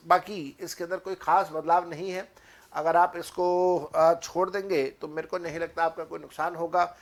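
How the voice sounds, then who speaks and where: A man with an Indian accent giving an exam prep lecture on tax, mixing Hindi and English. He reads legal text out slowly and fills pauses with hesitant sounds. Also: sits high, a bit bright. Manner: mixes Hindi and English, many filler pauses.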